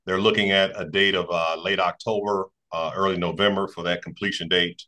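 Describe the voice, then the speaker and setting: A man's voice: low voice, steady tone, brisk, pushed and bright. A man, a fire captain, giving a report on a meeting call with frequent fillers.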